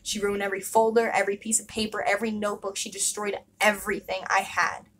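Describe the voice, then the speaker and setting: A woman's voice: mid-range voice, little pitch movement, fast talker, a bit bright, slight background noise, low-quality recording. A young woman speaking candidly in a casual vlog, emphatic and full of fillers and swearing. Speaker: vlogger.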